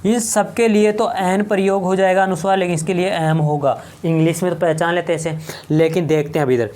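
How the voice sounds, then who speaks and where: A man teaching a whiteboard lecture, slowly repeating each point and asking his class rhetorical questions. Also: sits high, fairly even intonation, a little mellow, slight background noise.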